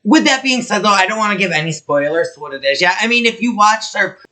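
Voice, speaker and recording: Bright-voiced chatty young man. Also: sits high, animated, fast talker. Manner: chatty, filler-heavy storytelling. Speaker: podcast co-host. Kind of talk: casual chat.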